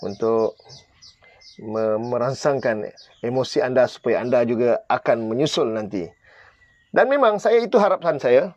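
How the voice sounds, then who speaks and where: A man's voice: medium pitch, lively intonation, measured pace, pauses often, darkish tone, no room sound, muffled recording. A man with a Malaysian Malay accent teaching Arabic grammar in a live online class, quizzing viewers and pressing them to comment and answer.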